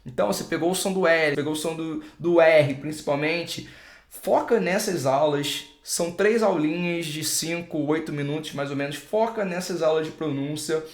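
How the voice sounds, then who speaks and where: Brazilian teacher in a roomy space. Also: male voice, a little high. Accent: Brazilian Portuguese. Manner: relaxed, repeats and demonstrates words slowly. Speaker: English teacher. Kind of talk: casual spoken English lesson. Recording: roomy echo.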